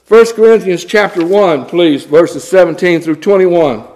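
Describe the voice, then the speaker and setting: High-pitched guy preaching, blunt and scornful, reads old scripture. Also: a little slow, darkish tone. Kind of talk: sermon.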